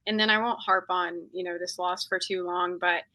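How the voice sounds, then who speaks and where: Bright-voiced young woman podcast host. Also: fairly low pitch, fairly even intonation, normal speed, no room sound. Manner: chatty, upbeat, frequent fillers. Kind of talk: casual sports interview.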